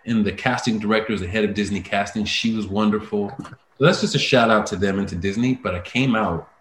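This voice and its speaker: Low voiced guy telling stories on an interview, lots of um and you know, roomy echo, faint background hum. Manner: animated, laughs often, many fillers and restarts. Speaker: guest, voice-over artist and actor. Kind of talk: casual interview storytelling.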